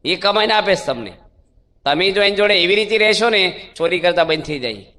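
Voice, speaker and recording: A man's voice: high voice, expressive, brisk, pushed and bright. A man giving a sermon, telling stories with quoted dialogue and asking rhetorical questions. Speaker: swami giving a religious discourse. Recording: long hall reverb.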